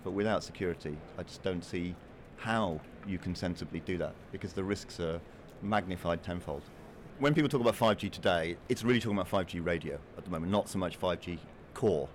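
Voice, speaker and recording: A man's voice: sits low, brisk, a little hiss or hum. A man speaking as an industry expert in an interview, explaining technical matters.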